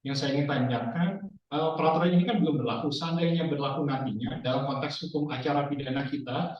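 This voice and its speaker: A man's voice: mid-range voice, fast. A judge asking questions politely and formally in an online training session, his voice carried by a heavy cavernous echo over a video call. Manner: polite, formal, with frequent hesitations. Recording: very echoey, distant, muffled online call audio.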